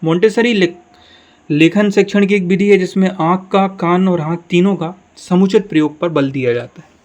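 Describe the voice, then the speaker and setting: A man's voice: high voice, moderate pace, a little mellow. A man teaching an online exam-prep lesson, explaining step by step and often speaking straight to his viewers.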